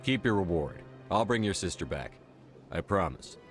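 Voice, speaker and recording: Game hero: steadfast male commander, deep, earnest, plain-spoken, with faint music underneath. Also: expressive, normal speed. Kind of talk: video game dialogue acting.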